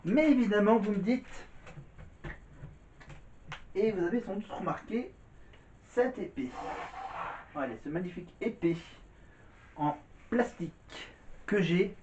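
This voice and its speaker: A man's voice: high-pitched, measured pace, long pauses, darkish tone. A man chatting casually to camera in a vlog, rambling, repeating words and saying "voilà" often. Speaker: vlogger. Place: indoors at home. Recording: echoey room, dull lo-fi sound.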